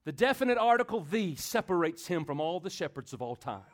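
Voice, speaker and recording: Male pastor, high-pitched, rhythmic call-and-response sermon delivery. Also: very animated, brisk. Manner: swings from loud build-ups to quiet intimate talk.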